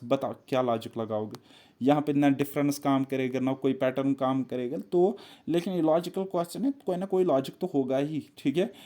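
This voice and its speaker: Mellow-voiced male exam tutor. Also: fairly high pitch. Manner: repetitive, step-by-step, quizzes the viewer. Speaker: exam-prep teacher. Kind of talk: explaining reasoning puzzles on a board.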